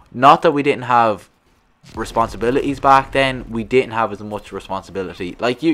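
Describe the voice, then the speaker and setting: A gaming channel host from Ireland, a man in his twenties with a thick rural Irish accent, rambles casually to the camera. His voice is fairly low and fairly bright, and he restarts often and keeps saying "like I said."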